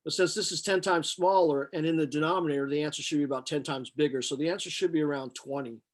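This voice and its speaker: A man with a somewhat high-pitched voice teaches a class. He works through problems step by step, thinking aloud with halting pauses. His delivery is flat and matter-of-fact. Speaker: chemistry lecturer. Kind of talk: lecture, working problems step by step.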